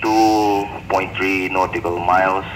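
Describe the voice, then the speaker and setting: A ship officer's voice comes through a marine VHF radio, deep and low, with loud static hissing under every word. He keeps to formal radio procedure but halts often on fillers as he reads instructions back. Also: level tone, poor audio. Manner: formal, halting with frequent fillers. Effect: marine VHF radio transmission.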